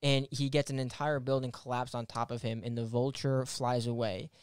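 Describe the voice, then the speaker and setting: A man on a movie podcast, recounting a film scene in a halting, casual way and keeping time for the group. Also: mid-range voice, level tone, clean tone, dry recording, studio quality. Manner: halting storytelling with restarts. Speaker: podcast panelist and timekeeper.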